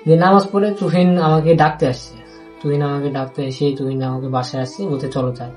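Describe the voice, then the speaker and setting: A young man with a Rajshahi Bengali accent tells a personal story, stopping and restarting and repeating himself often. His voice sits slightly high for a man yet sounds dark and mellow. Faint music plays underneath. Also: fairly even intonation. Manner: halting and repetitive, with many restarts. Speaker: interviewee.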